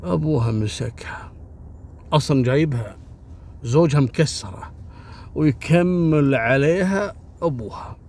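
A man's voice: a little high, expressive, normal speed, long pauses, a little mellow. A man telling a dramatic story in a casual, conversational way and talking straight to his listeners. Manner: conversational, addresses listeners directly.

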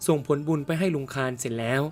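A man's voice: mid-range voice, fast talker. Man narrating a ghost story.

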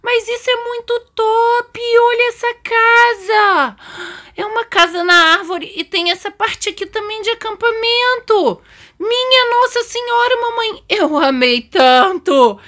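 A woman voicing an excited, whiny little girl in a game role-play, squealing in a high child voice. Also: unhurried, full character voice. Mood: thrilled.

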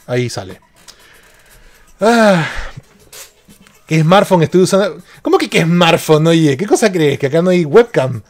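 A man's voice: on the high side, lively intonation, a little slow, long pauses, a little mellow. A man, a tech streamer chatting casually on a live stream and joking as he reads out viewer questions.

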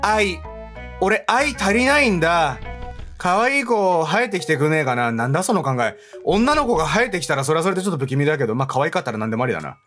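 A man's voice: a little high, very animated, very fast, few pauses, a bit bright, soft background music. A man giving joking, self-mocking commentary on a horror game as he plays it. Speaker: game streamer. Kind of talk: let's play commentary.

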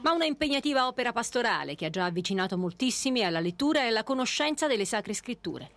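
A woman's voice: a little high, big pitch swings, fast, a bit bright, faint music behind. A woman reporter reading a scripted voice-over for a news feature. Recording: voice-over with clear background noise.

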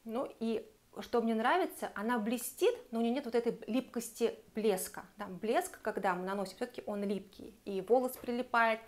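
A woman's voice: a little high, moderate pace. A woman giving a chatty, enthusiastic beauty product review and speaking straight to her viewers. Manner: chatty, enthusiastic, recommends warmly and addresses viewers directly. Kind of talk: casual product review to camera.

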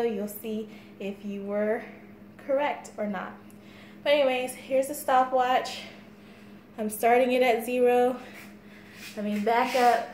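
An American woman in her thirties chats casually to her phone camera. Her voice sits a little high, and the bare room adds plenty of echo with faint noise behind her. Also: darkish tone. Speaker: fitness vlogger. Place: bare-walled room indoors. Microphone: phone camera a few steps away.

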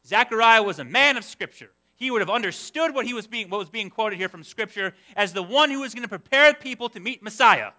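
A male pastor preaching a sermon in a church, animated and expressive, breaking into excited asides and imagined prayers. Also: high voice, fairly quick, hardly any pauses. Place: church sanctuary.

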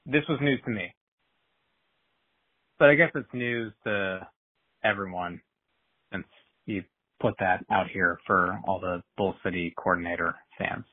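A man's voice: low voice, unhurried, long pauses, husky, no room sound. Man teasing in a tinny voicemail. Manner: teasing, joking. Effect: played voicemail over a phone line. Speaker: voicemail caller. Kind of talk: casual phone message. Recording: tinny phone-line voicemail.

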